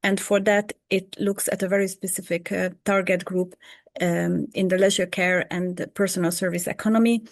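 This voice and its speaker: A woman, a PhD candidate, giving an academic presentation on a video call, pausing often with ums. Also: lowish voice, level tone, dry recording, studio quality. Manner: hesitant, many ums.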